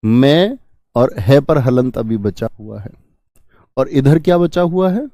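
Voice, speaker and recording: Man teaching in a mellow, close voice. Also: mid-range voice, lively intonation, takes it slowly, dry recording. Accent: Hindi. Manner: explains step by step, asks and answers his own questions; friendly, calls viewers friend and brother. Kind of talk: online grammar lesson.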